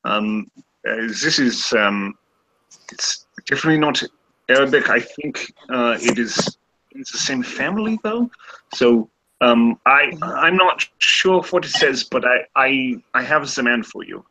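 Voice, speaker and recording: A man's voice: mid-range voice, lively intonation, a little slow, bright, forceful tone, heavily acted, low-quality recording. A man doing a hesitant French scholar. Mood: polite. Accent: attempted French. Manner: hesitant, many fillers, slips into other accents. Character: scholarly male linguist Remy, polite and modest. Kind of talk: improvised tabletop role-play.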